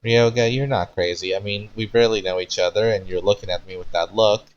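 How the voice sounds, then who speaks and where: A man's voice: fairly low pitch, fairly even intonation, fairly quick, dull audio, close to an everyday voice. A man voicing a friendly, apologetic young woman news reporter from a fanfiction story. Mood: apologetic, earnest.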